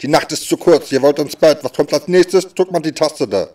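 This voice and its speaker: A man speaking as a sign language voice interpreter, voicing stand-up comedy in a lively way that swings between loud and soft. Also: on the high side, normal speed, recorded from a distance.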